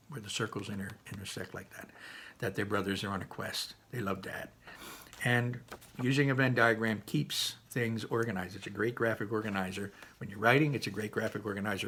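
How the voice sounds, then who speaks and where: A man's voice: mid-range voice, fairly bright tone, husky. A man teaching a read-aloud lesson, chatty and explaining with asides.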